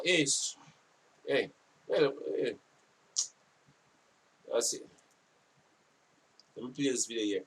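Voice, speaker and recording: A Jamaican man giving casual sitdown commentary on scripture, forceful and scolding, often repeating himself. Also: a little high, recorded from a distance. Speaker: religious commentator.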